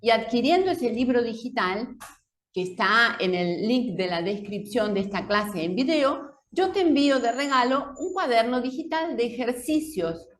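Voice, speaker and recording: A woman teaching an online Spanish lesson, explaining slowly and carefully for learners. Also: on the high side, lively intonation.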